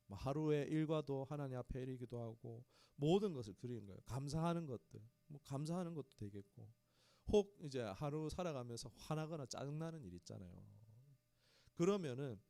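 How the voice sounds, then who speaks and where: A man preaching a sermon in a warm, relaxed voice, chatting with his congregation as he goes. His pitch rises and falls with a lot of life. The sound is dry and close. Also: dry recording. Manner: conversational preaching, talks straight to the congregation. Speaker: pastor. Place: small church.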